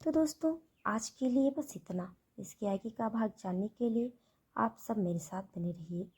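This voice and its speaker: A woman's voice: medium pitch, unhurried, dark tone, husky. A woman reading a romantic serial story aloud, voicing every character in the same plain narrating voice.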